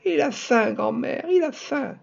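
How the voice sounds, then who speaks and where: A man voicing a stubborn, fiery five-year-old girl who cries out in a shrill, high voice. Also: wildly swooping pitch, unhurried, a little mellow, breathy edge, heavily acted. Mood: angry. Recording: dull lo-fi recording.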